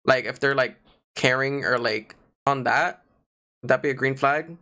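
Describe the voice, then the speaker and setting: Co-hosting a relaxed podcast chat, a young man talks at a moderate pace in a medium-pitched voice. He's animated and wanders from point to point, dropping "like" constantly.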